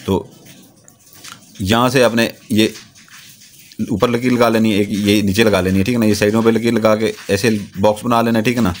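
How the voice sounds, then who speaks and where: A man with a fairly low voice explains a ritual one step at a time. He talks in a steady, instructive manner, repeating himself and checking often that the listener has understood. A faint hiss sits under the recording. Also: moderate pace, pauses often. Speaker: spiritual practitioner teaching a ritual.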